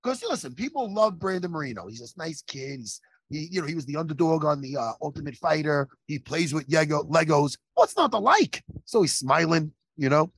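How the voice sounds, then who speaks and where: A man hosting a casual podcast chat, animated and profane, given to laughing and telling stories. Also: on the high side, a little fast, creaky, breathy edge, dry recording. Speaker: podcast host.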